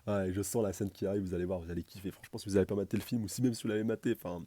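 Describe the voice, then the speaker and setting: Fast-talking low-voiced male manga reviewer. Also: steady tone, mellow. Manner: rambling, full of restarts and fillers, chatty. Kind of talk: casual live commentary.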